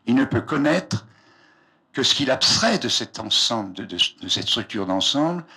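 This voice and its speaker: A sing-song, bright, forceful voice, mid-range and husky, carries this older man's public lecture at a normal speed. The scientist speaks informally and digressively from a raised platform in a lecture hall, frequently stopping mid-phrase, on an old archival tape.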